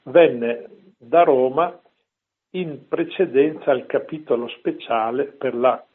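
A man preaching and telling stories, slow and emphatic, with chatty asides to his listeners. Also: mid-range voice, slightly rough. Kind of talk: religious talk with storytelling. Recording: lo-fi phone-like line.

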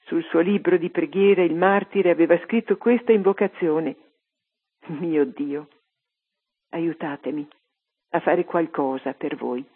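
Husky woman reading a story by phone. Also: on the low side, unhurried. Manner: steady storytelling read-aloud. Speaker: reader on religious radio. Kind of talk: reading a martyr story aloud. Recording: tinny phone-like radio line.

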